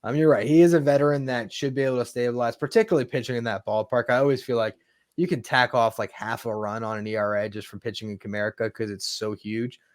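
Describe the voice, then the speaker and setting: A man's voice: medium pitch, steady tone, quick pace, dry recording. Conversational man, dry studio sound. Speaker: podcast co-host. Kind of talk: casual sports talk.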